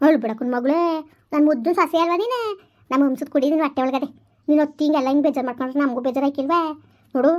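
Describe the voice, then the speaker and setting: A woman's voice: high-pitched, pitched below the performer's own voice, lightly acted. A woman voicing a dramatic village mother-in-law who wails, scolds her son and fusses over her daughter-in-law. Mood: soothing. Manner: lamenting, scolding. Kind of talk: village comedy skit.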